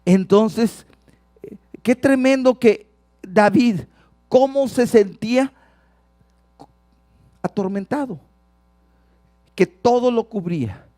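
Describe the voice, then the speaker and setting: Dramatic high-voiced preacher. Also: male voice, takes it slowly, long pauses, no room sound, studio quality. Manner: dramatic, shifts from hushed to shouting while reading psalms. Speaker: pastor. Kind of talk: sermon.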